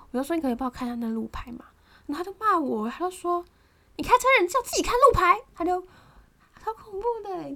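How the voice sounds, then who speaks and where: A young woman with a high voice hosts a casual podcast. She tells a personal story in an animated way, using lots of fillers. She slips into loud impressions when she quotes someone else. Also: gravelly. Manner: animated, mimics a shouting partner, many fillers. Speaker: podcast host.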